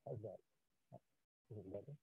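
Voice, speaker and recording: A man's voice: fairly low pitch, normal speed, creaky, breathy edge, no echo. A man in an online class, testing his audio while his microphone sounds muffled and faint. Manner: checking his own audio. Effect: muffled, faint broken microphone. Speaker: class participant. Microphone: video call.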